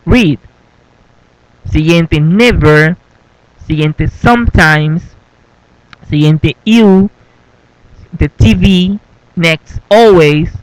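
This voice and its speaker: A man's voice: high-pitched, dry recording, rough recording. A man teaching an English lesson in Spanish, giving instructions step by step and checking in with "ok" again and again. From Venezuela. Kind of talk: classroom lesson.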